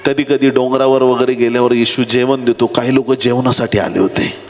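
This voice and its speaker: A man preaching a dramatic sermon in a church, dropping to low murmurs and rising to high shouted appeals. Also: fairly even intonation, a little fast. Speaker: pastor. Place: church hall. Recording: echoey hall with faint background noise.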